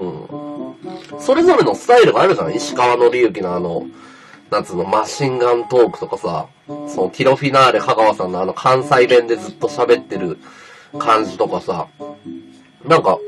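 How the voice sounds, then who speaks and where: A man streaming live, chatting casually in a rough, offhand way and answering viewers' comments aloud. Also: mid-range voice. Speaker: livestreamer. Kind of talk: casual livestream chat reading viewer comments.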